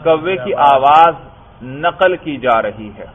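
Urdu-speaking teacher explaining Arabic grammar. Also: male voice, on the high side, animated. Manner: reads Arabic text slowly, then explains in Urdu; keeps asking if it is understood, often says "brother". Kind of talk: classroom lesson explaining Arabic text. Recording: tinny phone-like recording with faint noise.

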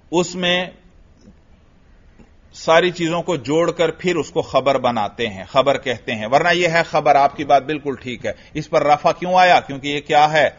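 A man teaching an Arabic grammar lesson, firing questions at his students and answering them himself. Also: a little high. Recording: dull lo-fi recording.

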